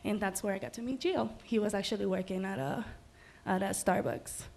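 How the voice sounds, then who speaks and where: A woman's voice: medium pitch, fairly quick, vocal fry, darkish tone, a little hiss or hum. A young woman from the Dominican Republic, a singer, chatting as a guest in a casual livestream interview, bubbly with many ums. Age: young adult.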